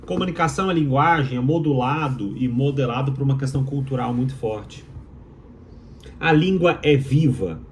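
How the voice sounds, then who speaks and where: Darkish in tone, this mid-range man's voice comes with slight background noise. He's a Mineiro-accented doctoral student from Minas Gerais, Brazil, giving viewers an opinionated explainer in an emphatic, rhetorical style full of repeated key phrases.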